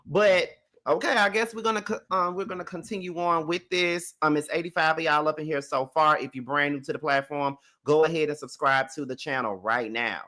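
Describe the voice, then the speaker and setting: A man's voice: a little high, fairly even intonation, brisk, hardly any pauses, bright, forceful tone. Sassy American man hosting a livestream. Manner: sassy, chatty, slangy. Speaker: host of reality TV reaction show. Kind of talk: casual livestream commentary.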